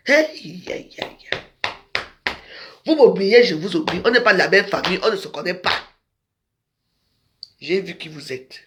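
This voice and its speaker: Brief: high-pitched man, video rant, scolding and confrontational, rambling delivery. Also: fairly bright tone. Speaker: social media video maker. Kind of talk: ranting monologue to followers.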